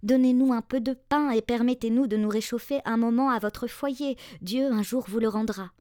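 A woman voicing an exhausted, desperate poor mother pleading softly for her child. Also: medium pitch, steady tone, normal speed, dry recording, studio quality, natural voice. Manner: soft, pleading.

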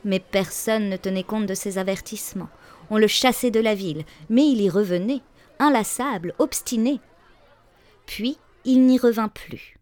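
A woman narrating a storybook tale in a measured, expressive reading voice. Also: medium pitch.

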